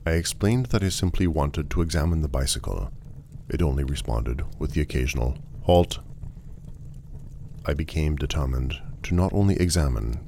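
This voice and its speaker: A man's voice: rumbling low, warm tone, slight background noise. A man narrating a first-person story in a dry, wry, genteel manner.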